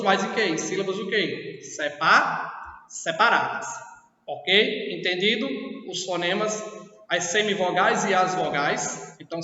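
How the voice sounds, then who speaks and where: Brazilian teacher in an echoey room. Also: male voice, sits high, bright, forceful tone. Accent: Brazilian Portuguese. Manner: explanatory, asks checking questions often. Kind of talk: classroom lesson. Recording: echoey distant lo-fi room recording.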